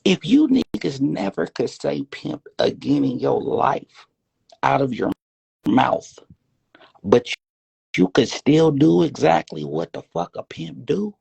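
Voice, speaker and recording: A man's voice: a little high, lively intonation, takes it slowly, creaky, a little mellow, breathy edge, no room sound. A man giving a rambling, preachy casual monologue, now and then dropping to a whisper.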